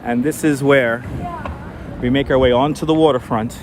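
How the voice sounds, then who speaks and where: A man from New York City, mildly accented, walks city streets hosting a casual live stream, his medium-pitched voice steady in tone and normal in speed. He chats with viewers, thinking aloud through plenty of fillers and restarts, and his wireless clip-on mic picks up faint street traffic.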